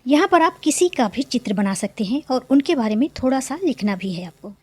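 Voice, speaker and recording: A young adult woman teacher explaining a children's lesson, drawing out each syllable slowly. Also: high-pitched, very animated, darkish tone, slightly rough. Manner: slow, drawn-out syllables for young learners.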